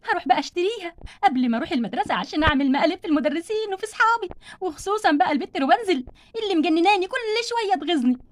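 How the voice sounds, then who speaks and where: A woman voicing a mischievous, defiant schoolgirl doll in an Egyptian accent, cheeky and quick-talking. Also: very high voice, animated. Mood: scheming. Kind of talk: doll-play storytelling.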